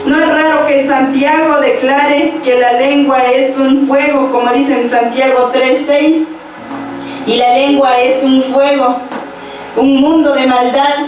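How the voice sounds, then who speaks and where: A young woman preaching a sermon at a church pulpit with a handheld mic, reading scripture verses aloud in a steady, measured way. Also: high voice, soft background music. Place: church stage with pulpit and instruments. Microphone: handheld microphone. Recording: very echoey church hall, from far off.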